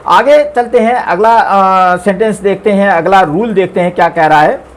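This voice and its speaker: A man teaching English grammar, explaining slowly and reading the English examples out word by word. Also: high-pitched. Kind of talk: explaining a grammar lesson on screen.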